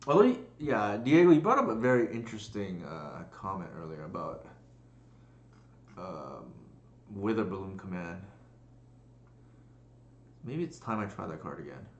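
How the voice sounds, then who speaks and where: A man's voice: sits low, big pitch swings, unhurried, long pauses, echoey room, highs cut off, a little hiss or hum. A man streaming a card game, thinking aloud in a casual, hesitant way with many fillers. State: burping and coughing at times. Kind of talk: casual live-stream commentary.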